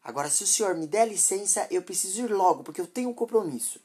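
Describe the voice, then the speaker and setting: A woman's voice: medium pitch, lively intonation, quick pace, darkish tone, breathy edge, pitched above the performer's own voice. A woman voicing a harsh, impatient mother who scolds sharply and dismissively. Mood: scornful.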